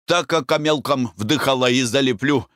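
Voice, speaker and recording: A man voicing a coarse, rowdy middle-aged merchant who shouts and curses boisterously. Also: mid-range voice, normal speed, dry recording, studio quality, lightly acted. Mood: gleeful scheming.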